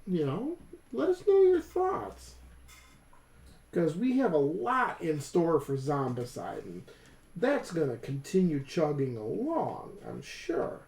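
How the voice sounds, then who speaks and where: Sitting at an indoor painting table in an echoey room, a Western New York co-host of a miniature painting channel chats in an unhurried, rambling way, frequently muttering to himself while working. The voice is medium-pitched and a little mellow, with vocal fry and big swings in pitch.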